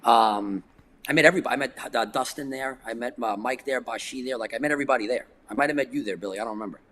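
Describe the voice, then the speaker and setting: A man's voice: mid-range voice, rapid-fire, a bit bright. A man, chatting casually as a podcast guest and rambling with lots of fillers. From New York. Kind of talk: casual chat.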